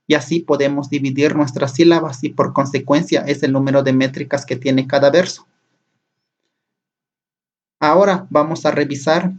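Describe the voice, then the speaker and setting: Man, teacher, slightly high voice, patient step-by-step explaining, muffled lo-fi sound. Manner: patient, step-by-step, repeats and counts syllables aloud. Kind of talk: online lesson explaining poetry rules. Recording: dull lo-fi recording.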